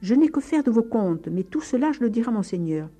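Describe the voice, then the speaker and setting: A woman voicing a hot-tempered middle-aged father who shouts and threatens, her voice raised and husky. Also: on the high side, very animated, fairly quick, faint music behind, pitched above the performer's own voice. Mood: furious.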